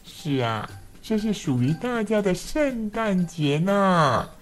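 A woman's voice: mid-range voice, animated, slow pace, faint music behind. A woman voicing a little male fox who is easily cross, in a children's storybook reading. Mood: warm.

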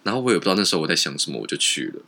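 A man's voice: low-pitched, sing-song, racing, creaky, sharp tone. A man, co-hosting a podcast and gossiping bluntly, swearing freely. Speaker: podcast co-host. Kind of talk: casual gossip chat.

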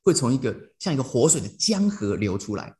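Lively Taiwanese man giving a devotional. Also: mid-range voice, a little fast. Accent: Taiwanese Mandarin. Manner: playful, animated storytelling mixed with English phrases. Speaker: devotional podcast host. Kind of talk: casual devotional talk.

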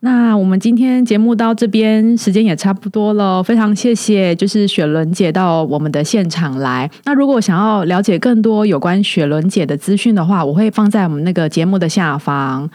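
A woman's voice: mid-range voice, normal speed, few pauses, darkish tone, no echo, clean studio sound. A woman with a Taiwanese Mandarin accent hosting a podcast interview, chatty and admiring toward her guest. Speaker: podcast host. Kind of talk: casual interview chat.

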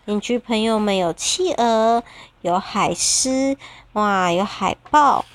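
A woman reading a storybook aloud to a child, lively and animated, with sound effects. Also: medium pitch, takes it slowly, slight background noise.

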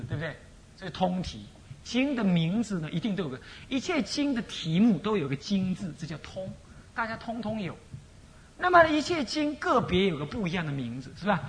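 A man's voice: a little high, a bit bright, slight background noise. A man with a Taiwanese Mandarin accent gives a Buddhist sutra lecture as an abbot. He keeps asking his listeners rhetorical questions, drops into Taiwanese Hokkien phrases and makes jokey, chuckling asides.

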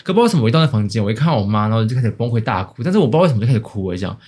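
A young man with a Taiwanese Mandarin accent, co-hosting a casual podcast chat, rambling with many restarts and quick laughs. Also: on the low side, very animated, a little mellow, slightly rough. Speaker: podcast co-host.

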